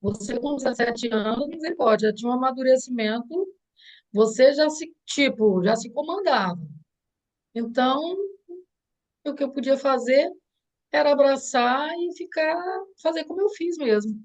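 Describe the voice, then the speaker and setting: Middle-aged Brazilian woman, mother being interviewed; earnest, reflective, restarts a lot, voice sits fairly high. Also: moderate pace, rough recording. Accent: Brazilian Portuguese. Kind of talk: heartfelt conversation.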